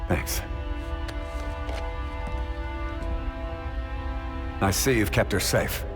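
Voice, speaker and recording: Stern senior male captain, male actor, measured and lowish, long hall reverb, loud score behind. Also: expressive, over music, natural voice. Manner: authoritative, measured. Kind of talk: video game cutscene voice acting.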